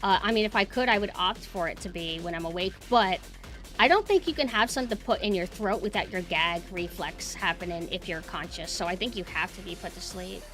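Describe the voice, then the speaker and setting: A woman's voice: lowish voice, brisk, fairly bright tone. A woman streamer hosting a casual live-stream chat, talking informally and thinking aloud as she goes. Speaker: streamer, VTuber host. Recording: music behind the voice. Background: background music.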